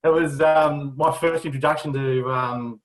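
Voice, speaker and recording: A man swapping old footy stories in relaxed chat. His voice sits a touch high for a man, and he tells each yarn with a laugh close behind it. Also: unhurried, rough recording. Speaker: guest, former footballer. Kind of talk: casual storytelling.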